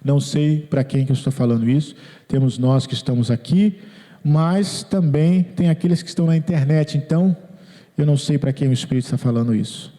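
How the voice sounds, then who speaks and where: A man's voice: fairly high pitch, brisk, dark tone. A man, preaching a sermon as pastor, earnest and repeating his phrases, quoting people in their own words. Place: church hall. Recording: long hall reverb.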